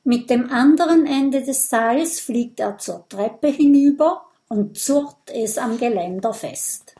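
A woman narrating a children's storybook audiobook. She reads slowly and clearly, with a fairly high voice and expressive delivery. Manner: slow, clear, expressive reading.

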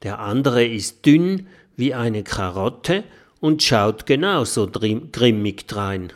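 A man narrating a children's storybook in an expressive storytelling manner. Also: mid-range voice, slow pace. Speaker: audiobook narrator.

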